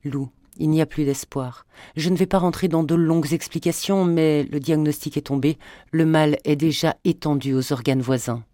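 A narrator voicing a gravely ill older mother who speaks softly and faintly, in a storybook reading. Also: low voice, steady tone, normal speed, no room sound, studio quality, close to an everyday voice. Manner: soft, faint, hushed delivery.

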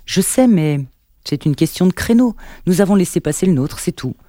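A man reading an audiobook, voicing a quick-tempered, guarded woman in her thirties with a lifted voice. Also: high voice, expressive, dark tone, dry recording, studio quality, pitched above the performer's own voice. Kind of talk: audiobook narration.

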